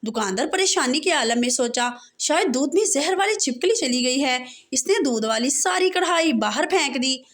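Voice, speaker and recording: Female joke reader, high voice, quick setups and punchlines. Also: lively intonation. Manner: punchlines followed by canned laughter. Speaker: joke teller. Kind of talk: reading out short jokes.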